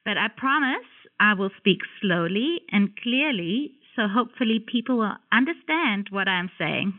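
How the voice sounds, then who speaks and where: A woman's voice: medium pitch, expressive, dry recording. A woman with a South African accent, a guest occupational therapist, explaining her work carefully on a phone-in call. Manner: careful and measured, with some fillers. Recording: tinny phone line, dry.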